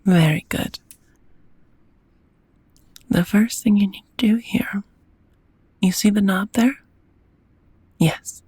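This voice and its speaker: A woman voices a gentle, courteous vampire roommate in an intimate ASMR roleplay, speaking in a very breathy half-whisper with a creaky edge. Her mid-range delivery is unhurried, tender and softly formal. The recording is close and dry.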